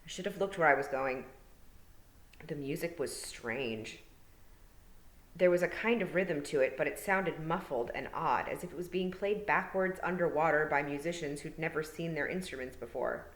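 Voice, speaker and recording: A woman teacher narrating a storybook aloud in a calm, measured way. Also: low voice. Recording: roomy, echoey room.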